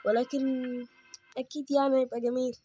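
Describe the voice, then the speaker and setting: A man's voice: extremely high pitch, level tone, fast talker, mellow, highs cut off, faint music behind. A man with an Egyptian Arabic accent doing let's-play horror game commentary, chatty with viewers and yelping at sudden frights. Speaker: gaming YouTuber.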